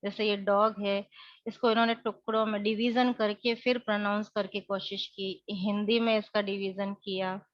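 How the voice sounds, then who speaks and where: A woman's voice: medium pitch, flat delivery, dry recording, highs cut off. A woman teacher, explaining an English lesson in Hindi mixed with English. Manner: slows right down on English phrases.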